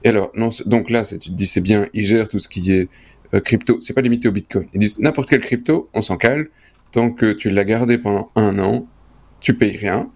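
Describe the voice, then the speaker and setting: A man's voice: fairly low pitch, brisk, creaky. A man, co-hosting a casual podcast chat and rambling along with lots of slang and fillers. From Belgium. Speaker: co-host.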